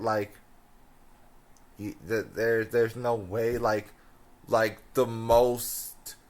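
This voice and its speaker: A young American man who sounds drunk, on a casual, slangy, incredulous rant, repeating himself and stumbling over his words. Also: fairly low pitch. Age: young adult. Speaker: film ranter.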